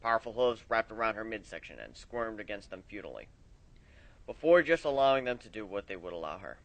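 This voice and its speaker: Low-voiced man reading a story aloud. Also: lively intonation, a little fast, dry recording, rough recording. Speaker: fan fiction reader.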